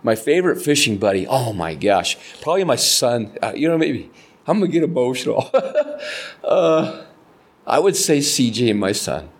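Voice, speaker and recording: A man's voice: mid-range voice, very animated, moderate pace. A middle-aged man from Nebraska, a kayak fishing guide, telling stories in a rambling, earnest way full of fillers and restarts. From Nebraska, United States. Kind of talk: casual storytelling interview.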